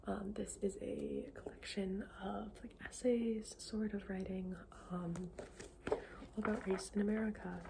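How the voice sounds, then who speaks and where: A woman whispering softly in an ASMR style as she chats about books, informal and halting, often trailing off. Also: mid-range voice. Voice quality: soft unvoiced whisper. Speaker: ASMR book video creator. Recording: clearly noisy, with clicking sounds.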